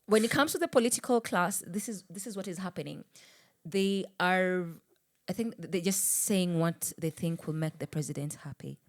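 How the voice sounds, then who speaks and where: A Kenyan woman co-hosting a casual political talk show, animated and quick to laugh, with bits of Swahili. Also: lowish voice. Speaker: podcast co-host.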